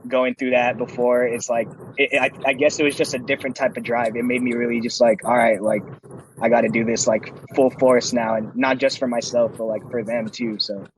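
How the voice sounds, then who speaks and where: A man's voice: mid-range voice, level tone, a little fast, a little hiss or hum, poor audio. A man of twenty-one, a dancer, talking through a casual interview in a laid-back, reflective way and laughing often. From California, USA. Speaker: guest, dancer.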